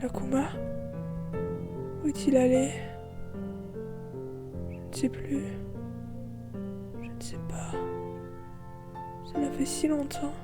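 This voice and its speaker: A woman's voice: sits high, level tone, slow pace, pauses often, over loud music. A woman voicing a heartbroken young male cat-hero turned villain in a fan audio fiction, pleading and fragile. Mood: confused.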